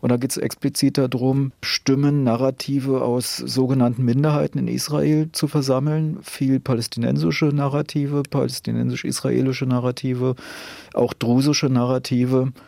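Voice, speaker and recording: A man's voice: medium pitch, little pitch movement, moderate pace, vocal fry, dark tone, no echo. A man, a festival program director, explaining things conversationally in an interview. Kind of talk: interview statement.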